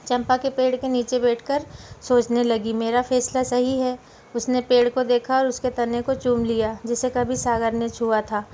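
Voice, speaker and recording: A woman's voice: a little high, slight background noise. Woman steadily reading a novel aloud. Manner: steady, plain narration. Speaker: storyteller.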